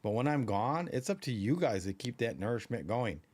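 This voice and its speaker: A man's voice: mid-range voice, sing-song, moderate pace, a little mellow, breathy edge. A man co-hosting a live stream, talking in a loose, rambling, chatty way with plenty of fillers. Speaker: podcast co-host. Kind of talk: casual live-stream chat.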